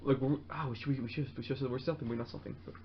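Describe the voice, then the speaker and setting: A man's voice: medium pitch, fairly even intonation, rapid-fire. A man at a tabletop game, stammering and restarting as he explains his moves. The sound is muffled and dull, with a faint hiss underneath. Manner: stammering, laughs often. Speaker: player. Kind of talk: casual tabletop game chat.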